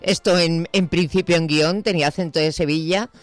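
A woman from the Basque Country interviewing a guest on the radio, asking questions in a conversational way with soft backchannels. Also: on the low side, steady tone, a little fast, dry recording, faint music behind. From Basque Country, Spain.

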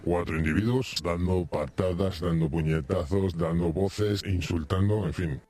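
Man with a distorted, glitchy pitch-shifted voice. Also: steady tone, measured pace, warm tone. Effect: voice disguised with a distorted, glitchy pitch-shift. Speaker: anonymous interviewee. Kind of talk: recounting an assault in a news clip. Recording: distorted TV clip replayed on radio, distant.

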